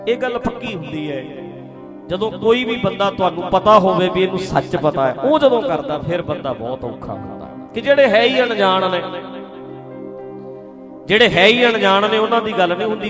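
Man w preaching, tells stories, goes loud then soft, music playing under. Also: high-pitched, lively intonation, normal speed. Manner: storytelling, swings between loud and soft. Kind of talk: sermon with storytelling. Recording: music behind the voice.

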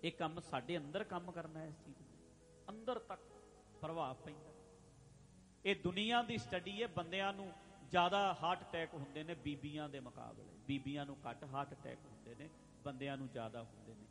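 A man preaching a religious sermon, addressing listeners directly, repeating phrases and chanting scripture lines slowly. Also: fairly high pitch, fairly bright tone, soft background music. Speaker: Sikh preacher.

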